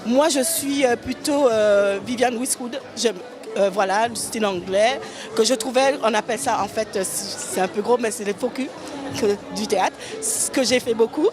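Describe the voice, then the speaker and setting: A woman's voice: a little high, normal speed, over music, a crowd in the background. Rambling woman designer, fillers galore. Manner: rambling, hesitant, many fillers. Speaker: fashion designer and children's author. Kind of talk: interview at a fashion show.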